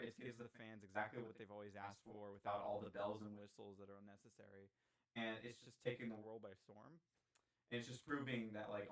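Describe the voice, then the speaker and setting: A man co-hosting a casual gaming podcast, talking in opinionated, animated tangents. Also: fairly low pitch. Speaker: podcast co-host. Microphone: studio podcast mic.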